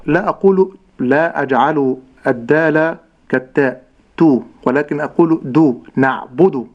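A man teaching correct Quran recitation, slowly sounding out each syllable and contrasting right and wrong pronunciation. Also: fairly high pitch, muffled recording. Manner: slow, deliberate, models sounds syllable by syllable. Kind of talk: tajweed pronunciation lesson.

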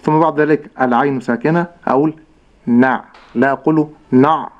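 A man teaching correct Quran recitation, slowly sounding out each syllable and contrasting right and wrong pronunciation. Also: fairly high pitch, steady tone, muffled recording. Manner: slow, deliberate, models sounds syllable by syllable. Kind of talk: tajweed pronunciation lesson.

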